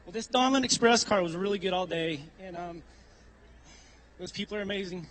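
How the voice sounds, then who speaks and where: A man who just won a race, talking quickly and emotionally in a post-race interview. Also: sits high, a bit bright. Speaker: race winner.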